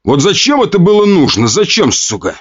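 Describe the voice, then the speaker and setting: A man's voice: high voice, very animated, a little fast, slightly rough, no room sound, dull audio, voice pushed up, exaggerated voice. A man voicing a powerful duke who harshly scolds his son with scorn and mockery. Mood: mocking.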